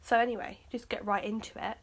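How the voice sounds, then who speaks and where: A woman's voice: medium pitch, flat delivery, fast talker. A woman hosting her own podcast, chatting casually and rambling with lots of fillers. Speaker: podcast host. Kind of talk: casual solo podcast chat.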